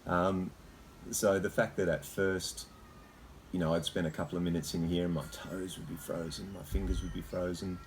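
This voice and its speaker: An Australian man talking casually and haltingly as host, with a slight cold shiver in his voice as he sits in icy water. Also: sits low, little pitch movement, a little hiss or hum, rough recording. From Queensland, Australia. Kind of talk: casual unscripted talk. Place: sitting in a freezer full of icy water.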